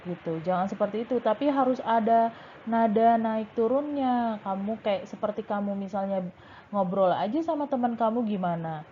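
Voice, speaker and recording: A woman primary school teacher giving a recorded lesson to young pupils, speaking gently and patiently. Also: medium pitch, moderate pace, a little hiss or hum. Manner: gentle, patient, addresses children as Nak. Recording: tinny phone-like sound.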